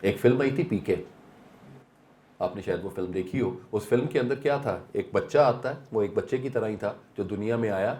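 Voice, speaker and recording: A man's voice: fairly low pitch, a little mellow, slight background noise. A man giving a motivational seminar talk, mixing English phrases into Urdu and asking rhetorical questions. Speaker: seminar speaker. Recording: echoey hall.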